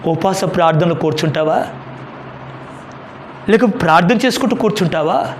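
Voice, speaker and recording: A man's voice: sits high, a little hiss or hum. A man pastor giving a sermon, preaching emphatically with rhetorical questions and repeated hallelujahs.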